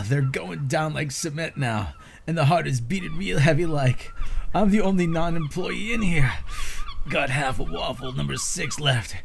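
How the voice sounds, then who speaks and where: Gravelly, animated man reading posts. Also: a little high, slight background noise. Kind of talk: dramatized reading of social media posts.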